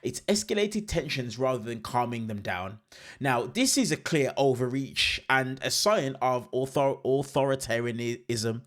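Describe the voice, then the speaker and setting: A man's voice: medium pitch, animated, a little slow, fairly bright tone. Man explaining politics in casual commentary. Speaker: commentary channel host.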